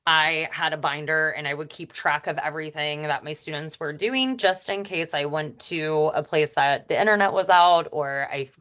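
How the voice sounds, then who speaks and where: A former teacher presents a webinar in a fast, chatty way, joking that she speaks like an auctioneer. Her voice sits a little low for a woman. Her tone is informal and friendly, peppered with fillers. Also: a bit bright. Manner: rapid, chatty, self-described auctioneer pace.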